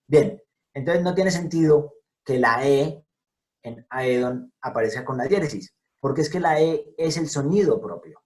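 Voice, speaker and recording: Slow, deliberate male lecturer. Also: mid-range voice, a little mellow, rough recording. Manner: deliberate, spelling out each sound. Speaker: lecturer on scientific name pronunciation. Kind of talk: explanatory talk over slides. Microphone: video call.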